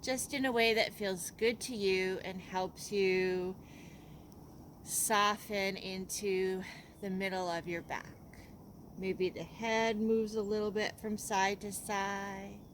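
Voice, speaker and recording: A female yoga teacher leads listeners through relaxation in a mid-pitched, fairly evenly intoned voice. She moves very slowly and gently, letting calming pauses fall between each instruction, with faint noise behind her.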